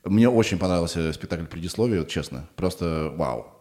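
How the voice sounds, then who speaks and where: Male podcast host, lower register, informal and rambling conversational questioning. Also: expressive, a little fast, warm tone. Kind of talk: casual conversational interview.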